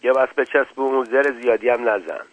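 A man's voice: mid-range voice, no echo, natural voice. A man doing a curt, bullying gambler. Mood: gruff. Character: short-tempered bullying male gambler. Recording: dull lo-fi dry recording.

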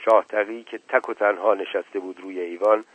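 Man reading a story aloud, steady and measured, low husky voice, tinny phone-like sound. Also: dry recording. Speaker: narrator. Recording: tinny phone-like dry recording.

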